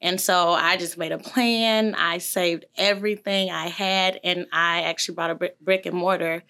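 Chatty thirty-something woman, bright voice. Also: lowish voice, steady tone, normal speed. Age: 30s. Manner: chatty and upbeat, with many "um"s and "like"s. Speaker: gym owner and trainer, guest. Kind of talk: casual interview.

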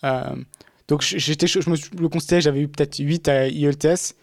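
A young man speaks fast in a relaxed conversation. His voice sits slightly high. The sound is dry and close, with no room echo. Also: creaky. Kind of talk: casual conversation.

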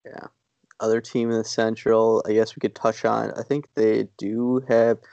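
A man with a lowish, gravelly voice rambles through casual sports podcast talk. He is self-deprecating and often restarts his sentences. The sound is dry and close. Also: little pitch movement, normal speed, dark tone, dry recording, lo-fi sound. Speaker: podcast co-host.

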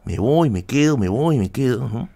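A Peruvian man spins a long anecdote in loose, slangy talk, stopping often to check in with his listeners. His mid-pitched voice rises and falls a lot as he goes. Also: lively intonation, moderate pace, creaky, mellow. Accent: Peruvian Spanish. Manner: slangy and rambling, with many fillers and check-ins to the audience. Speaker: streamer telling anecdotes. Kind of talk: casual storytelling on a live stream.

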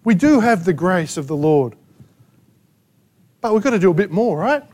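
High-voiced Australian preacher. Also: male voice, big pitch swings, moderate pace. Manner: emphatic preaching with rhetorical questions and sharp asides. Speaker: pastor. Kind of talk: sermon. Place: church gathering in a rented hall.

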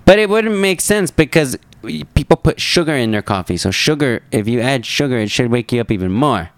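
A man's voice: medium pitch, animated, a little fast, no echo. A man hosting a podcast in casual chat, joking and rambling, correcting himself, with a cough. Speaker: podcast host.

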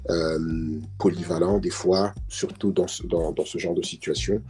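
A man conducting a conversational interview in a very low voice. He speaks haltingly, pausing on fillers as he builds his points. Faint music plays underneath. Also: fairly even intonation, warm tone. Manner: hesitant, with frequent fillers.

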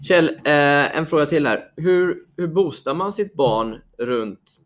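A man's voice: fairly high pitch, expressive, a bit bright. A man hosting a conversation, giving short affirmations and asking questions with small stumbles. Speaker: host. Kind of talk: interviewing guests.

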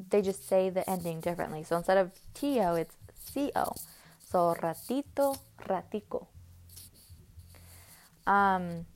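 A woman hosting a casual solo podcast, talking in a chatty, rambling way with many pauses and restarts. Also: lowish voice, a little mellow. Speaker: podcast host.

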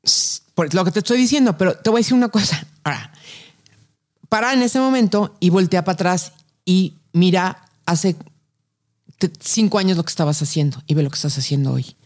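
A woman's voice: lowish voice, a little fast. A middle-aged Mexican woman, a podcast guest, giving advice in an emphatic, colloquial way. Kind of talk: casual conversation.

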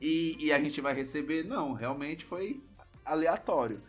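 A man with a Brazilian Portuguese accent telling a story in casual, lively chat. He swears freely and acts out his younger self. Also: fairly high pitch, a little slow, husky, faint music behind.

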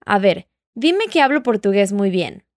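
A woman's voice: mid-range voice, very animated, a little slow, no echo, studio quality. Patient woman teaching Portuguese. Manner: patient, prompts the listener to repeat and answer. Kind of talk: audio language lesson.

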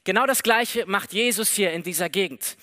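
A man preaching a sermon in a lively, conversational way, acting out the dialogue of the story as he tells it. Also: high voice, normal speed. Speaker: pastor.

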